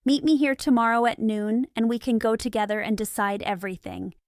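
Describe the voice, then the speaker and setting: A calm, precise young detective, as a woman reads him in an audiobook. The voice is smooth and fairly high, with a dry, close sound and no room around it. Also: fairly quick, dry recording, lightly acted. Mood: matter-of-fact. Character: sharp, eccentric young male detective.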